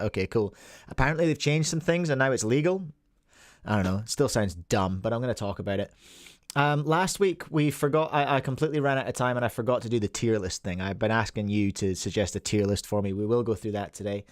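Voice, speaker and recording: A Scottish man in his forties hosts a casual livestream podcast in a medium-pitched voice, recorded at studio quality with no room sound. He rambles and chats with viewers, addressing them by name.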